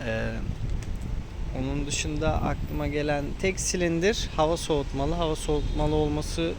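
A man's voice: a little high, a little slow, noisy background. A man giving a casual, unscripted motorcycle review from inside a helmet, explaining things a little hesitantly. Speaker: motovlogger reviewing his motorcycle.

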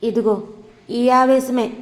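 A woman's voice: fairly high pitch, fairly even intonation, slow, big-room sound. A woman voicing a stern, worried mother who firmly lectures her grown daughter. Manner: firm, lecturing.

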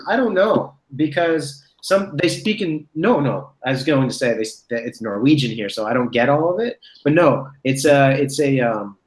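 A man's voice: medium pitch, echoey room, poor audio. Rambling man in his thirties on a video call. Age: 30s. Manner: rambling, self-correcting storyteller. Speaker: host. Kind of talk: casual video-call chat. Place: home room, indoors. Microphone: webcam on a video call.

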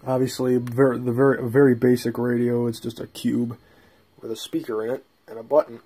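A hobbyist presenter rambles through a casual show-and-tell vlog, filmed on a handheld phone in a small bedroom. His voice sits at medium pitch with a level tone, brisk, warm and slightly rough.

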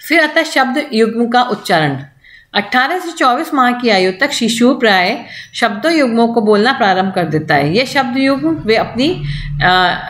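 A woman lecturer explaining a topic in a recorded lesson, going slowly, restarting words and imitating baby sounds as examples. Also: fairly high pitch, fairly bright tone, echoey room. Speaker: college lecturer.

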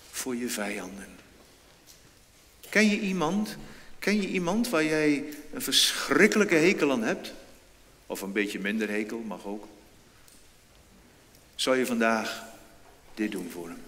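Slow-preaching man in a reverberant church. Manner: slow preaching with sudden emphatic swells in pitch and loudness. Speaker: pastor. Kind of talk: sermon. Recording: long church reverb, faint noise.

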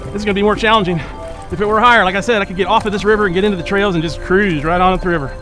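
Kayaker guy, high voice, laid-back tips, outdoor action-cam audio with loud music under it. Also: racing. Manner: relaxed, explanatory, giving paddling tips. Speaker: kayaking vlogger. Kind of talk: casual narration while paddling. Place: outdoors on a flooded river in a kayak. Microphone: action camera mounted on the kayak.

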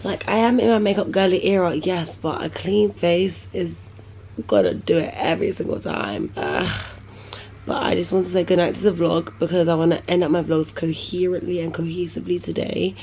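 A woman's voice: fairly low pitch, moderate pace, darkish tone, a little hiss or hum. A woman in her twenties chatting tiredly to her vlog, lisping slightly because she is wearing a retainer. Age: 20s. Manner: tired, drowsy. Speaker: travel vlogger. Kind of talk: casual vlog chat. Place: hotel bedroom, lying in bed. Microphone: handheld camera close to the face.

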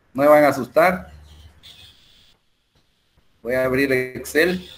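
A medium-pitched male voice, with a little hiss or hum in the audio, belongs to a math teacher with a Salvadoran Spanish accent. Teaching online, he slowly steps through calculations and a spreadsheet, dropping in many fillers as he goes.

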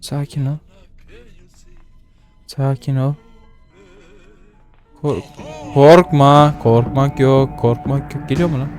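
A young man talking himself through a horror game, muttering nervously, then dropping to hushed whispers. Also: medium pitch, little pitch movement, slow pace, long pauses, faint music behind. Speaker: gaming YouTuber.

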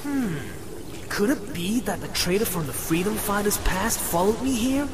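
Man voicing Silver, high-pitched boyish hedgehog hero. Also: moderate pace, noisy background. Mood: musing. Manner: earnest, animated, eager. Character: eager young heroic hedgehog apprentice, boyish and brash. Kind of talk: animated comic dub voice acting. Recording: music behind the voice.

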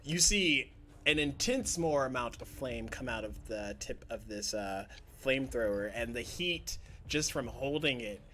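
A man narrating as game master of a tabletop game, describing the action in loose, halting phrases. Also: mid-range voice, animated, bright, forceful tone, slight background noise.

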